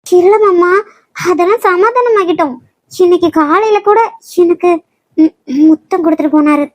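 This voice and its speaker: A woman's voice: very high-pitched, moderate pace. Woman voicing a spirited young cartoon wife. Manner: earnest, pleading, tearful complaints. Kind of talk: cartoon voice acting.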